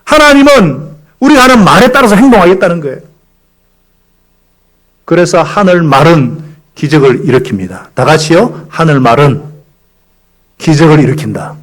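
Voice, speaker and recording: A male pastor delivers a sermon in a church with a voice sitting a little above the usual male range. He tells his stories with animated energy, acting out the quotes, and calls on the congregation to recite lines back with him. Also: fairly high pitch, moderate pace, long pauses, poor audio. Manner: leads the congregation in call-and-response recitations; animated storytelling with acted-out quotes. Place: church sanctuary.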